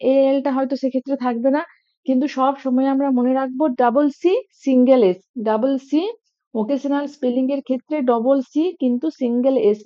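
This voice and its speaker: A woman's voice: high-pitched, mellow. A woman teaching an exam spelling lesson. She spells words out letter by letter and mixes in English. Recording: dull lo-fi audio.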